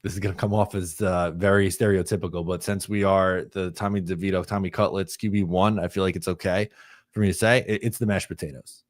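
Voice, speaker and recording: A man co-hosting a casual sports podcast, talking in a halting way and often repeating words as he thinks. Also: low voice, steady tone, no echo, studio quality. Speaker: podcast co-host.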